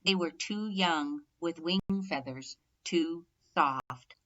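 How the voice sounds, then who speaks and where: A storybook reader, a woman with a slightly low, bright voice, reads a rhyming children's tale aloud, clearly stressing each rhyme. She takes her time with measured, expressive narration, and the audio is dull with slight background noise.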